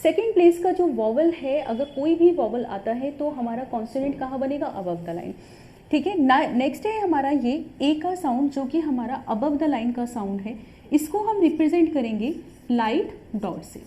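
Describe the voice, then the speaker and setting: A woman's voice: high voice, expressive, moderate pace, mellow. A woman teaching a shorthand course in a patient, step-by-step way, often checking in with the listener. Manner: patient, repeats points with frequent "ठीक है" check-ins. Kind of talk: step-by-step tutorial explanation.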